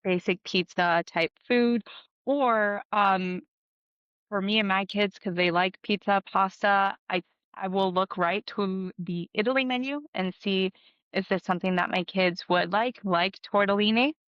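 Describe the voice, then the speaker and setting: A woman's voice: mid-range voice, measured pace, fairly bright tone, clear, resonant tone, dry recording. Chatty woman podcaster, dull dry sound. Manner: chatty, practical tips, many ums. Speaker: podcast co-host. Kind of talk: casual podcast chat.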